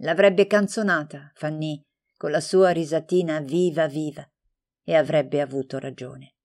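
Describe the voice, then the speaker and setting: Woman reading a novel aloud, calm and measured, lowish voice. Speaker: audiobook narrator. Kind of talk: scripted literary narration.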